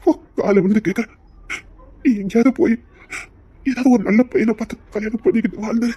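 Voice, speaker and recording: A man's voice: sits high, fairly even intonation, quick pace, dark tone, breathy edge, dry recording. Man playing a remorseful, pleading husband. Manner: earnest, pleading, sorrowful. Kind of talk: Tamil audio story acting.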